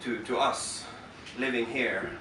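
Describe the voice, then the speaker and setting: In a reverberant club, a Norwegian-accented musician from western Norway gives unscripted stage talk introducing his work, halting and unhurried with many pauses and restarts. His mid-range voice is steady and sharp. Heard from the back via the house speakers, the roomy far-off recording has a little hiss or hum.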